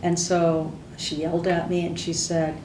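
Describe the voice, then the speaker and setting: Her lowish, monotone voice proceeds at a measured pace as this older woman, a native Hungarian speaker and veteran, candidly shares stories from her service for an oral history interview. The plain-spoken account is recorded from a distance, with a noisy background and roomy echo.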